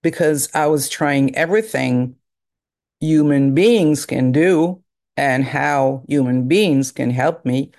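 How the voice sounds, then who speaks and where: A native French speaker in their fifties, with a French accent, shares a candid, reflective personal testimony as a member of a recovery group. The voice is mid-range and a little mellow, and they take their time.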